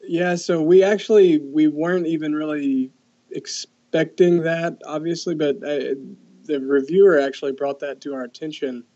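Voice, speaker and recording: A man's voice: a little high, steady tone, normal speed, dark tone, lo-fi sound. A young man, a researcher, explaining his study findings in casual talk, with many "um"s and restarts. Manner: hesitant, many fillers and restarts. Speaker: guest researcher. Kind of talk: conversational expert explanation.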